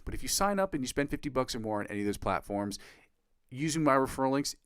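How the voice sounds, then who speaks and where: A congested man streams live as a guitar livestreamer, speaking in a sing-song voice and talking fast. The tone is clean, studio quality with no echo, and he rambles casually with lots of fillers while pitching upbeat to his viewers.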